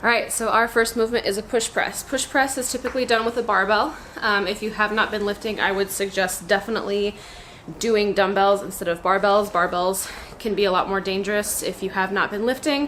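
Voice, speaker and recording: Heavily pregnant young woman chatting casually abt workouts, medium pitch, bit of background noise, home gym vlog. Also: a bit bright. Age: young adult. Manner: conversational, informal, peppered with "like" and "you know". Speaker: fitness vlogger, workout demonstrator. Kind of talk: casual explanatory talk to camera. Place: small home garage gym, indoors.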